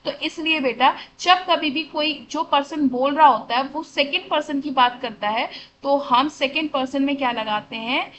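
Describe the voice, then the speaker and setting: A woman's voice: high-pitched, moderate pace, few pauses, fairly bright tone, a little hiss or hum, poor audio. A woman teaching English grammar to children, asking questions and answering them herself, again and again. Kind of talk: classroom lesson explanation.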